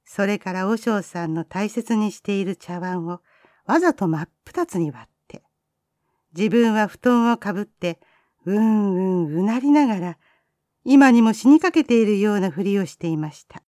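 Expressive woman reading a folk tale. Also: mid-range voice, normal speed, dry recording, clean studio sound. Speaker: storyteller.

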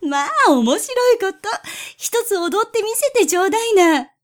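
A woman's voice: very high-pitched, very animated, a little slow, voice pushed up, exaggerated voice. A woman voicing a cheerful but wary female bush warbler, speaking in a lilting, prim and teasing way. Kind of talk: storybook reading.

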